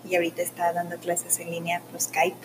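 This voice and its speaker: A young woman, answering interview questions in a soft, filler-heavy casual way. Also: fairly low pitch, monotone, fairly quick, noisy background. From Mexico. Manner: soft-spoken, uses many fillers like "o sea" and "como que".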